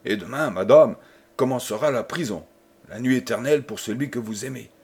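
A man voicing a cold, menacing old nobleman who speaks with sinister calm. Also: medium pitch, a little fast, slightly rough. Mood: coldly menacing.

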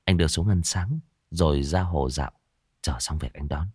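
A man voicing a calm young man who speaks softly and coaxingly to his frightened girlfriend. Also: a bass voice, normal speed, slightly rough, no room sound, clean studio sound, pitched below the performer's own voice. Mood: soothing. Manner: soft, hushed, coaxing.

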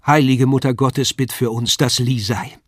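A man reading an audiobook, voicing a kindly, motherly older woman with a lilt in a warm, bustling manner. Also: medium pitch, steady tone, normal speed, no echo, clean studio sound, close to an everyday voice. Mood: fussing, kindly. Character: kindly elderly woman, a craftsman's wife. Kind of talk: audiobook character voice.

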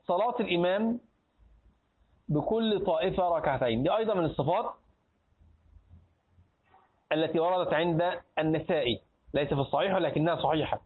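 A man's voice: fairly high pitch, breathy edge. A man teaching a class on Islamic jurisprudence in colloquial Egyptian Arabic, quizzing his listeners and repeating and restarting words as he goes. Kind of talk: colloquial Egyptian lecture with questions to students. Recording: tinny phone-like lecture recording.

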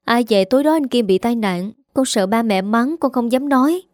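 A woman's voice: on the high side, expressive, moderate pace, darkish tone, no room sound, clean studio sound, lightly acted. Woman voicing a sobbing remorseful daughter. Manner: pleading, apologetic.

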